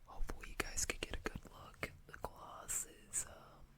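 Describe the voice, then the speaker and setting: A host whispers gently and unhurriedly into a close microphone at normal speed, reading card game text ASMR-style with small asides.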